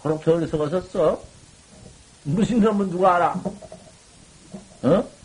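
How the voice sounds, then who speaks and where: A man giving a dharma talk to monks, folksy and colloquial, swinging from loud exhortation to low murmurs. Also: measured pace, breathy edge, rough recording. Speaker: Buddhist monk teaching.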